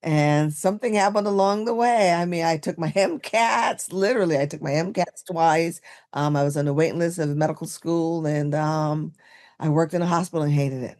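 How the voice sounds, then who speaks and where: A woman in her sixties, originally from Barbados, telling stories as a guest in a podcast interview, chatty and animated, with fillers and laughs. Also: sits low, normal speed. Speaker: guest, makeup artist.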